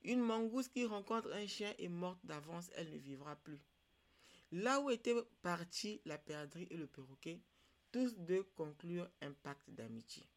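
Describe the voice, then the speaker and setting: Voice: medium pitch, lively intonation, measured pace. A storyteller telling a traditional folk tale. The delivery is rhythmic, with calls for the listeners to answer. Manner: rhythmic call-and-response storytelling.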